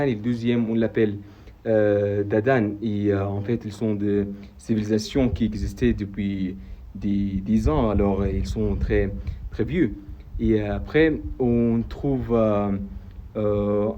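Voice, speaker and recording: This mellow, mid-range male voice belongs to a local tour guide vlogger from Saudi Arabia, a native Arabic speaker giving a casual tour in Arabic-accented French. Outdoors in a historic old town, he speaks hesitantly, full of fillers and repeated words. The audio is dull and slightly noisy.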